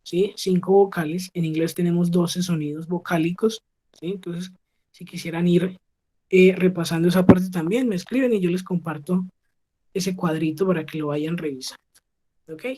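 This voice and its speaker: A woman's voice: fairly low pitch, fairly even intonation, moderate pace, warm tone. A woman from Colombia teaching an English class online, explaining pronunciation patiently and checking in with the students often. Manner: patient, checks understanding with frequent "¿sí?".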